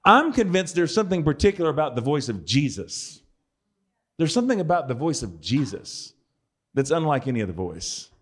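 A man's voice: on the high side, big pitch swings, moderate pace, breathy edge. A man giving a conversational sermon, with dry, joking asides. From United States. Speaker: preacher.

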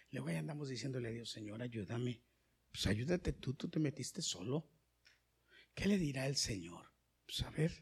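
A male pastor preaching a sermon in a church, swinging between loud exhortation and hushed asides, and questioning the congregation directly. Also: a little high, husky.

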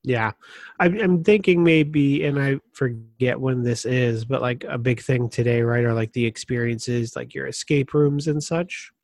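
A man's voice: mid-range voice, a little slow, darkish tone, no room sound. A man co-hosting a casual podcast chat, making wry joking asides. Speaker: podcast co-host.

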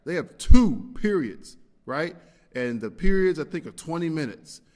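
A man's voice: on the high side, sing-song, unhurried, a little mellow. A man hosting a casual solo podcast, rambling and self-deprecating, with lots of fillers and restarts. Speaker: podcast host. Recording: long hall reverb.

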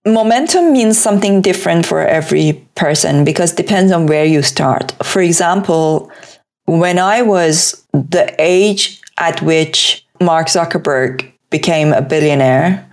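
A woman's voice: low-pitched, unhurried. A woman, a Persian speaker, talking earnestly and at length as a podcast guest. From Iran. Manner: earnest, emphatic, talks in long runs. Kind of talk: conversational interview.

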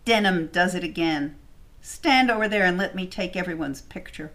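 A woman's voice: on the low side, moderate pace, a bit bright, natural voice. A woman voicing a dry, ironic Canadian mother who takes everyone's picture.

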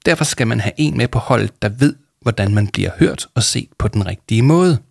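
A man reading aloud voices Paul, a calm and gentle adult counsellor. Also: medium pitch, vocal fry, no echo, studio quality.

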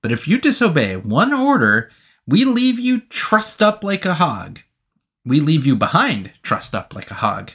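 A man's voice: fairly high pitch, wildly swooping pitch, measured pace, fairly bright tone, breathy edge, pitched above the performer's own voice, heavily acted. A man voicing a stern, protective male soldier in an odd, clipped speech pattern, reading a story aloud.

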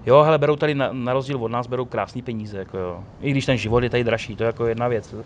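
Man, casual storyteller, lively and quoting others, faint street noise behind. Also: mid-range voice, dull audio. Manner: animated storyteller, quotes others. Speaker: guest telling of police ride-alongs. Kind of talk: casual chat.

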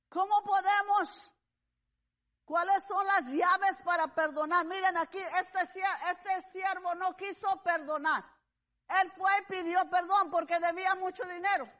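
A preacher giving a fervent sermon, swinging between shouted praise and hushed asides, with frequent hallelujahs and amens. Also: very high-pitched.

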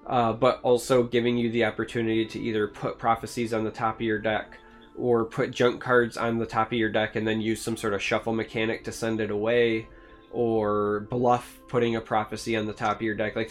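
A man's voice: mid-range voice, little pitch movement, brisk, faint music behind. Male podcast co-host with a mid-range voice, analytical and talkative. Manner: analytical, explains game mechanics at length. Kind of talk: casual podcast chat.

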